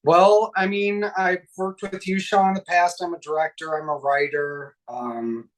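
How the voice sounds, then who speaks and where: A man's voice: sits high, fairly even intonation, unhurried. Easygoing man on a distant mic. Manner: easygoing, laughs often. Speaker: guest, filmmaker. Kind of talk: casual interview chat.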